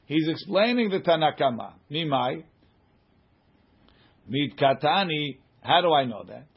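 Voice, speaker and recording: A man's voice: on the high side, lively intonation, unhurried, creaky, slightly rough. A man teaching an informal Talmud class, reading and explaining the text emphatically in question-and-answer phrasing. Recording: muffled lo-fi recording.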